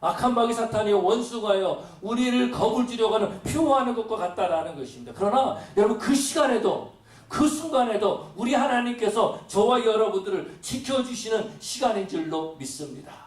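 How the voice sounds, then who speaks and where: High-voiced preaching man, echoey sanctuary. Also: animated, normal speed. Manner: emphatic preaching with frequent rhetorical questions. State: has a cold. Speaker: pastor. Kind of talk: sermon. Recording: echoey, from a distance.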